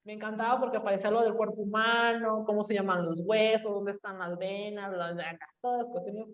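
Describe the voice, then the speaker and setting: A woman's voice: medium pitch, fairly even intonation, brisk. A Mexican woman teacher with a Jalisco accent giving a chatty classroom lecture and checking in with her students as she goes. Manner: chatty, addresses students directly with tag questions. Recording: echoey room, voice from a distance, dull lo-fi sound.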